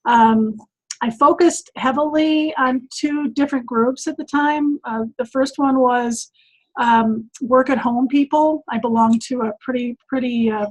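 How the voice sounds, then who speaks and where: Fairly high-voiced rambling woman coach. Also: darkish tone, rough recording. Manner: rambling, lots of fillers and restarts. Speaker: coach on a group call. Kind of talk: casual chat.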